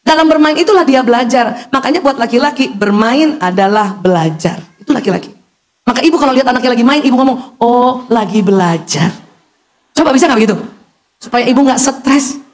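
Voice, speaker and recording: A middle-aged woman doctor giving a lively parenting lecture, acting out calls and talking straight to the mothers listening. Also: high-pitched, fast talker. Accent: Indonesian. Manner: animated, acts out calls and quotes, talks directly to mothers in the audience.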